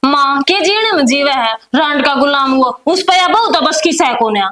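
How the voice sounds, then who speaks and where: An actress playing a quarrelsome married daughter in a family comedy drama, speaking with a Haryanvi accent in a combative, scolding manner. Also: female voice, high-pitched, lively intonation, normal speed, bright, forceful tone. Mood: angry. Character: married daughter visiting parents, sharp-tongued, quarrelsome.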